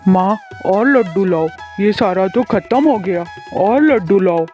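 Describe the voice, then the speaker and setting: A woman's voice: medium pitch, animated, a little slow, a little mellow, lo-fi sound, faint music behind, voice pushed down, close to an everyday voice. A woman doing a whiny, spoiled cartoon son. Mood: demanding. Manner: whiny, demanding. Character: greedy spoiled son, boy.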